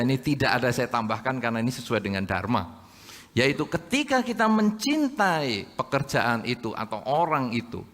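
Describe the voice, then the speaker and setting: An older man, a Buddhist monk, giving a sermon, telling lively stories and acting out quotes with humor. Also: mid-range voice. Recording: long hall reverb.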